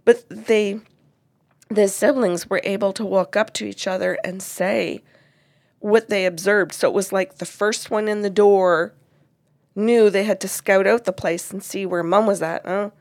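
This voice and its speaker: A woman's voice: mid-range voice, measured pace. A woman, a therapist, telling the story of a family session in casual talk and acting out the lines of the people in it. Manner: animated, acts out quoted dialogue.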